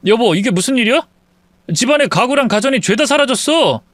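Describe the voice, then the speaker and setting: A man's voice: very high voice, lively intonation, a little fast, fairly bright tone, no room sound. A man voicing a deceitful young husband who stammers and pleads with excuses in a dry recording. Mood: pleading. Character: lying, groveling young husband caught cheating.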